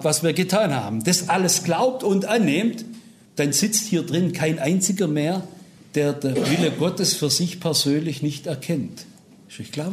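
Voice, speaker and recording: A middle-aged man preaching a sermon, telling a personal story with animated swings between loud pleading and low, quiet asides.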